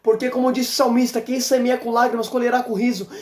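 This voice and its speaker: A man preaching a fervent sermon as an evangelist, exhorting and repeating his points with shouts of praise. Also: very high voice, level tone, fast talker. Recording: roomy echo.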